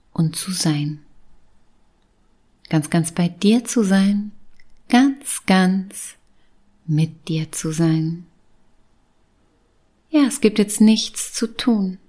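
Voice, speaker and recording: A woman guiding a meditation in a soft, breathy spa-like whisper, soothing and gentle. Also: lowish voice. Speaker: meditation guide. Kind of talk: guided meditation.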